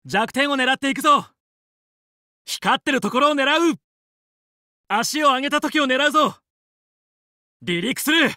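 Video game hero: young fox squad leader, confident and determined, animated, sharp-edged delivery, dry studio sound. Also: male voice, very high-pitched, no echo, heavily acted. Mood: determined, urgent. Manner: brisk, determined, commanding yet friendly. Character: young heroic anthropomorphic fox space pilot, confident team leader. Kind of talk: Japanese video game voice acting.

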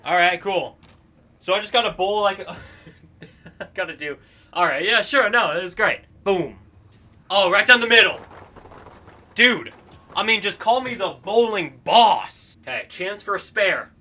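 Animated young man with a bright, forceful voice. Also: high voice, a little slow, pauses often. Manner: animated, exclamatory, jokey casual slang. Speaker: video game streamer. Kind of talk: excited gameplay commentary.

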